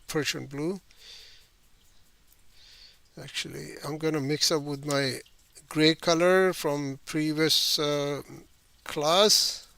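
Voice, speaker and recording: A man's voice: on the high side, vocal fry, a bit bright, smooth, no echo. A man teaching a watercolor painting class, talking loosely through his steps with many fillers and frequent "right?" checks. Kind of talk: painting lesson demonstration.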